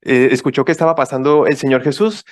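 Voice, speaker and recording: Guest speaker at a church service, a man of middle pitch, methodical and explanatory, often repeating himself for emphasis. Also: fast talker. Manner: explanatory, repeats key points, checks in with listeners. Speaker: visiting ministry speaker. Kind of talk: church presentation.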